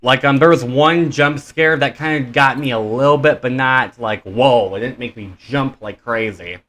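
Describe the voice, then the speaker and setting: A man's voice: medium pitch, normal speed, a bit bright. A man in his twenties hosting a reaction video, chatting casually and rambling with many fillers. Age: 20s. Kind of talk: casual chat.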